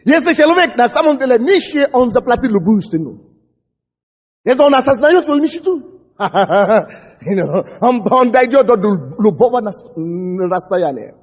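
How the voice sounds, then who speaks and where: In a dull, echoey church hall, a native English-speaking male pastor delivers a fervent sermon, shouting prayers and tripping over words. He speaks at a measured pace in a very high, husky, sing-song voice.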